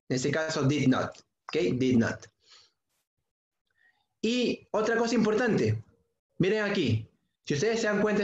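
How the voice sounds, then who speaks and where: A man teaching an English grammar lesson in on an online class, patiently repeating key points and calling on students by name. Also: sits high. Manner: asks students questions by name. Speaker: secondary school English teacher. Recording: dull, echoey room sound.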